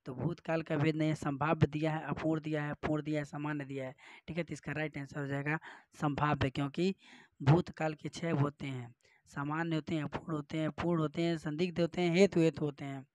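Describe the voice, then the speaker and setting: A Hindi teacher going through exam practice questions, explaining each answer with rhetorical questions and repetition. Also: male voice, on the high side, level tone, brisk, darkish tone, no echo. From northern India.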